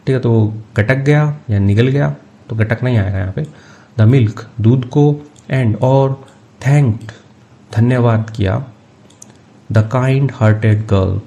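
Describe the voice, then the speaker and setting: A man teaching English, reading each phrase of a story slowly and then explaining it. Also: on the low side, mellow. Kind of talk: line-by-line translation lesson.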